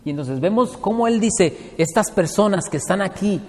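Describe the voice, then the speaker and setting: A man's voice: high voice, lively intonation, normal speed, darkish tone, big-room sound. A man from Mexico, teaching a Bible study to his congregation in a conversational way and often asking them questions.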